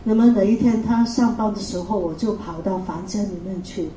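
A woman giving a halting, emotional personal faith testimony, with frequent restarts. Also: medium pitch, warm tone. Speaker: testimony speaker. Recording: echoey room, mic far off, faint hiss.

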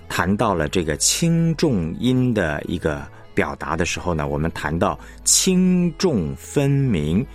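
A man teaching announcing technique in a radio lesson, reading out example words to show where the stress falls. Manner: demonstrates word stress with lively rising and falling pitch. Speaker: broadcasting teacher.

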